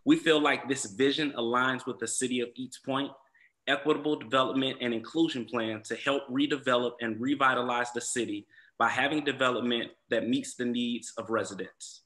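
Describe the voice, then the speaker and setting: A man's voice: medium pitch, fairly even intonation, moderate pace, fairly bright tone. A man from Southwest Atlanta, giving an earnest prepared presentation to a zoning commission, with frequent ums and repeated words. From Southwest Atlanta, USA.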